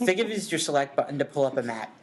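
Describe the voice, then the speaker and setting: A man's voice: medium pitch, animated, very fast, slight background noise. A man co-hosting a casual gaming chat show, rambling with many fillers and restarts. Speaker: podcast co-host.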